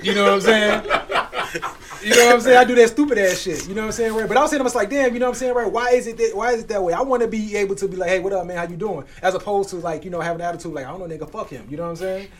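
High-voiced Chicago man hosting chat. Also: racing, slight background noise. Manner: laughs often, loose and profane. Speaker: podcast host. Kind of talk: casual chat.

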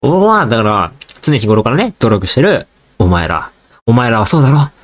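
A man's voice: medium pitch, very animated, moderate pace. A man hosting a casual solo podcast, rambling and joking as he talks straight to his listeners. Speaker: podcast host.

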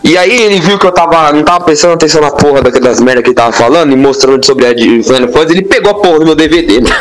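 A man's voice: fairly high pitch, racing, rough recording. A young man with a Brazilian Portuguese accent telling casual stories to friends in slangy, profanity-laden speech. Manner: slangy, profane, animated quoting of himself and others. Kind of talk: casual chat, storytelling among friends. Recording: music behind the voice.

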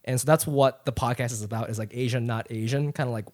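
A fast talker with a darkish, medium-pitched voice and fairly even intonation, this comedian rambles candidly and profanely on a casual podcast. He's from Japan, grew up in Ohio from age eight, and has an American accent.

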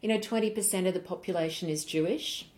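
A woman's voice: on the low side, fast, darkish tone. A woman with an Australian accent, from South Australia, chatting as a guest in a friendly, good-humoured interview. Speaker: guest, politician and former journalist. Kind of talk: casual conversational interview.

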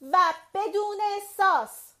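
A woman voicing a grumbling, plaintive maid with a shrill, complaining tone in an audiobook. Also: expressive, fairly bright tone. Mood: shrill complaint. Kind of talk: audiobook character voice.

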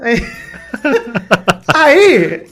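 A woman's voice: fairly high pitch, big pitch swings, extremely slow, fairly bright tone, slightly rough. A young woman telling a funny story in casual chat, laughing often and acting out what the others said. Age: young adult.

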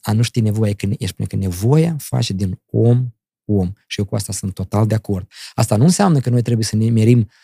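Middle-aged guy, gravelly husky voice, acts out every bit of dialogue as he tells it. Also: on the low side, no echo, clean studio sound. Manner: animated storyteller who acts out dialogue. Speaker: guest, actor. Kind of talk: casual interview chat.

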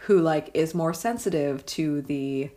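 Chatty woman co-host, slightly low. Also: measured pace, dark tone. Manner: chatty, filler-heavy, tags with "right?". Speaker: podcast co-host. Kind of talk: casual film discussion chat.

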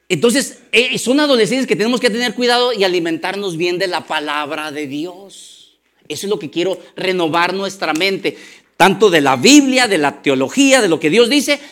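A man with a Mexican accent, a pastor preaching a conversational sermon with slang and quick restarts. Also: sits high, fairly bright tone.

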